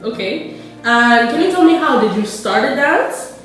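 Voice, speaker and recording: A woman's voice: sits high, expressive, unhurried, fairly bright tone. A woman hosting an interview podcast and asking plain, prepared questions. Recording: echoey room with faint music.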